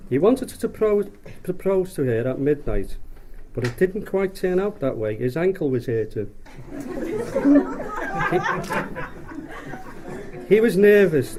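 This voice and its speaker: A middle-aged man gives a rambling, jokey wedding speech in a high-pitched, lively voice. He circles back over his phrases as he goes. There is clear background noise on the recording. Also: a little slow, pauses often. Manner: repeats and restarts phrases. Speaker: father of the bride giving a wedding speech.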